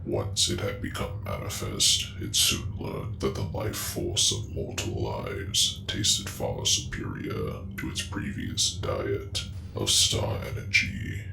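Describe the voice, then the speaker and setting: A man playing a gruff space marine in a whispered role-play, slowly and solemnly reciting ancient war lore in a breathy, gravelly voice. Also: extremely low pitch, little pitch movement, full character voice. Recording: roomy echo with music behind.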